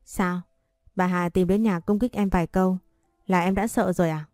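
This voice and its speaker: A woman's voice: fairly low pitch, fairly even intonation, normal speed, a little mellow, no room sound, studio quality, faint music behind, lightly acted. A woman voicing a teasing, confident young husband in a spoken story. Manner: playful, teasing.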